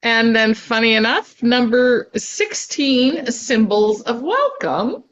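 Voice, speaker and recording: A woman's voice: on the high side, very animated, slow pace, dull audio, slight background noise. A woman co-hosting a casual live-stream chat, upbeat and chuckling as she talks. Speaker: co-host.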